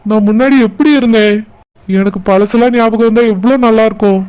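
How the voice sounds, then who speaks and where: A gentle, confused young man who has lost his memory, voiced by a man in a cartoon. His voice is high and smooth, with a Kanyakumari Tamil accent, and he muses softly aloud. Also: fairly even intonation, a little fast, natural voice. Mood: puzzled. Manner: soft, pleading, musing aloud. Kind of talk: cartoon voice acting.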